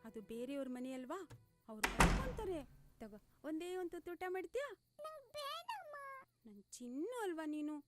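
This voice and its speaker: An actress playing a loving young mother who coaxes her small child to eat, in a tender, gentle way. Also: sits high, big pitch swings, brisk. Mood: coaxing. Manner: tender, coaxing. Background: film score music.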